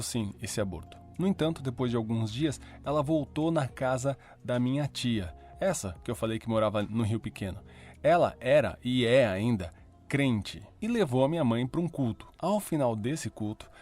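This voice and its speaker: A man's voice: mid-range voice, darkish tone. A man with a Brazilian Portuguese accent, a podcast host giving a personal religious testimony in an earnest, reflective storytelling manner.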